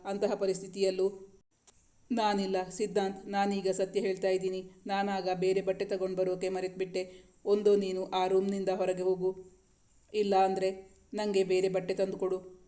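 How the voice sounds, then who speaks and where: ಮಹಿಳೆ ಆಡಿಸುವ ಹಠಮಾರಿ ಯುವ ಹೆಂಡತಿ. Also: female voice, medium pitch, completely flat delivery, normal speed, mellow, close to an everyday voice. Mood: pleading. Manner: pleading, insistent. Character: stubborn young wife pleading with her husband.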